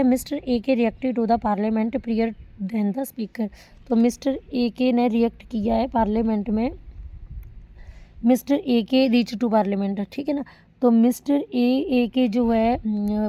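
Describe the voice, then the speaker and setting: A young woman teaching English grammar in Hindi, reading example sentences slowly and calling her students beta. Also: on the high side, no echo, muffled recording. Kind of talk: classroom lecture.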